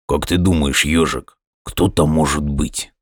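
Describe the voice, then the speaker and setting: A very deep, grumbling bear cub from a children's story, voiced by a male narrator. He sounds gruff but caring, recorded close and dry. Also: fairly even intonation, measured pace, no room sound. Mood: gruff urging. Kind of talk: audiobook character voice.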